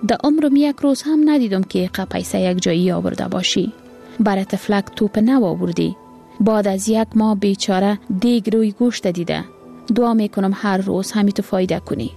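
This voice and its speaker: A woman voicing a poor, hopeful mother and wife, speaking in lively exclamations. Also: medium pitch, vocal fry, soft background music, lightly acted. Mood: exclaiming.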